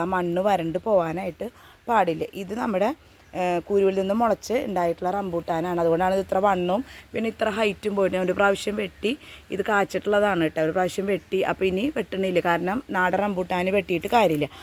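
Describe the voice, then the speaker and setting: A woman's voice: lowish voice, darkish tone. Woman doing a chatty garden how-to outside, earnest, keeps repeating her warnings, friendly tone. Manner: earnest advice, repeats warnings, adds friendly "you know?" tags. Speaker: gardening vlogger. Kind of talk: casual how-to garden vlog. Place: home garden, outdoors.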